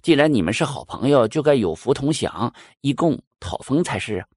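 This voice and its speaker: A man voicing a fussy male underworld judge who chides and smooths things over. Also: mid-range voice, very animated, normal speed, a little mellow, no echo. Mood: musing. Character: male King of Hell judge, fussy peacemaker.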